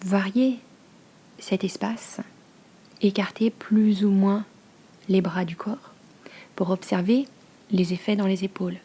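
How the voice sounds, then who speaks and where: Speaking slowly and softly, a woman leads a yoga nidra meditation in a breathy, hushed, soothing voice, leaving long pauses. The tone is steady at a medium pitch.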